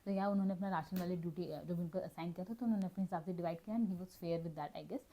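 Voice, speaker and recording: A woman's voice: fairly low pitch, fast, warm tone. A woman giving a casual, chatty recap as a vlogger, mixing Hindi and English and often correcting herself mid-sentence. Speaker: reality show recap vlogger. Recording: dull lo-fi audio.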